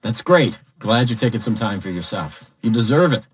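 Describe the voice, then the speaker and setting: An actor voicing a falsely cheerful corporate dispatcher in a video game, chipper and glib. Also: male voice, fairly low pitch, animated, normal speed. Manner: chipper, glib, smooth-talking. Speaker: company dispatcher. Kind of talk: scripted video game dialogue.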